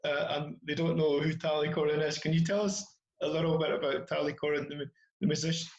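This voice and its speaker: A man with a Scottish accent hosting an interview over a video call, friendly and halting, with many restarts. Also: a little high, flat delivery, vocal fry. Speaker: show host. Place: small room at home, indoors. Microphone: webcam on video call. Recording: roomy, dull webcam audio.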